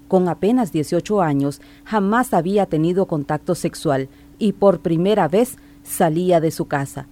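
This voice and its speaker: Low, mellow woman reporter narrating. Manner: measured, formal. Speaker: news reporter. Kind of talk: scripted news narration.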